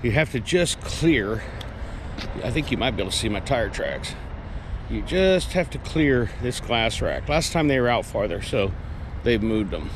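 A man in his fifties chats casually to a camera mounted in his truck cab, wandering from one thought to the next with plenty of ums and uhs. His voice sits at an ordinary middle pitch. A faint hum of vehicle noise runs underneath. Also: big pitch swings, normal speed. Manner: rambling, conversational, many fillers. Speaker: truck driver vlogger. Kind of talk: casual vlog monologue. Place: truck cab at night, earlier outdoors at a loading yard.

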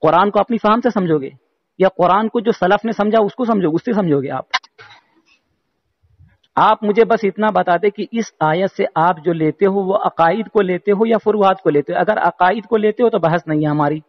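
A high-voiced man argues on a phone call, pressing his point again and again with pointed questions. His delivery is insistent and relentless, and the muffled, dull call audio takes the edge off his voice. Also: moderate pace. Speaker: religious debater on a phone call. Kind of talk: heated phone debate.

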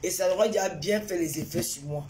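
A woman's voice: on the low side, brisk, a little mellow, slight background noise. Woman live-streaming to followers. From Cameroon. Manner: greets viewers by name between remarks; indignant, repetitive rhetorical questions. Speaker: social media personality.

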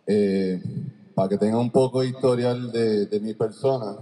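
A basketball coach from Cleveland, Ohio, lectures at a seminar in a large indoor arena through a handheld microphone and PA. His lowish voice is mellow, with a steady tone and moderate pace. Captured by a far camera, the audio carries the long echo of a big gymnasium.

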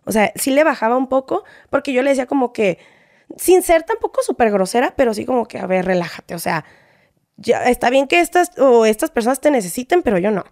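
A young woman with a Mexican accent tells her stories in a high voice as a guest in a casual interview. She acts out the quoted lines as she goes, and the recording is close and dry. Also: very animated, fairly quick, darkish tone, no room sound. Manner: chatty storytelling, acts out quoted dialogue.

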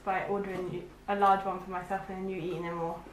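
A woman's voice: mid-range voice, little pitch movement, fast. A chatty, teasing woman, hosting a casual food taste-test vlog. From London, England. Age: 20s. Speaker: vlogger co-host. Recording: echoey room with faint background hiss.

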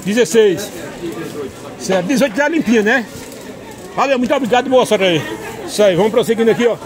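A man's voice: high voice, fairly quick. A man from Alagoas, giving chatty, casual commentary while walking through an outdoor street market, repeating phrases as he goes. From Alagoas, Brazil. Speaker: vlogger. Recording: busy street crowd noise. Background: loud crowd.

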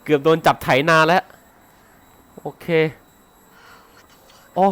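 A man commentating his game playthrough in an excitable way, swearing and laughing as he plays. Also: slow. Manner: excitable, swears and shouts often; laughs a lot. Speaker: gaming YouTuber.

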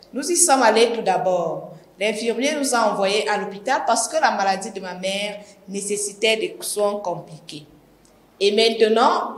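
A woman's voice: medium pitch, close to an everyday voice. A woman with a Cameroonian French accent voicing a poor young peasant girl, earnest and pleading. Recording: echoey room.

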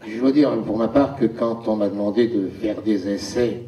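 A man, an actor, tells wry stories about making the film, pausing as he goes. His voice is dark and mellow. The sound is muffled and distant in an echoing hall. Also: on the low side, slight background noise. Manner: wry, storytelling, with pauses. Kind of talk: anecdotal talk at a premiere Q&A. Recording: echoey hall, distant dull mic.

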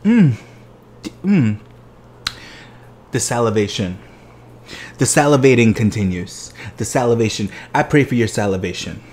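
A man's voice: medium pitch, animated, unhurried, long pauses, a little mellow, slight background noise. A man in his thirties talking chattily as he tastes desserts at home, savoring each bite with exuberant delight. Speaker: food vlogger. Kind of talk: dessert tasting vlog. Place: living room at home.

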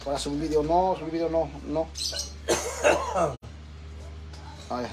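A man with a Mexican accent livestreaming from home on his phone, chatting loudly with his fans, swearing freely and calling them sisters. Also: fairly high pitch, a little slow. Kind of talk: casual livestream chat. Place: home, indoors, doing chores. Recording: noisy phone livestream audio.

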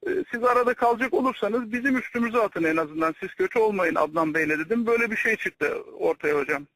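A man's voice: high voice, fast talker, a bit bright, no echo, low-quality recording. A man speaking respectfully over a landline phone, reporting to a superior in a recorded private call. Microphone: telephone line.

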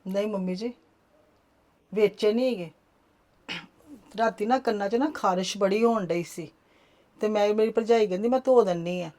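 A woman playing a timid young daughter-in-law who pleads softly and speaks of her fear and sorrow. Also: medium pitch, normal speed, long pauses, no echo, lightly acted. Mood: pleading. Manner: pleading, fearful, soft and sad. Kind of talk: family drama acting.

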